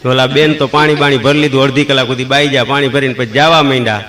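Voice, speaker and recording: A man's voice: mid-range voice, steady tone, fast, bright, forceful tone. A man with a Kathiyawadi Gujarati accent doing stand-up comedy, telling folksy anecdotes and acting out the dialogue.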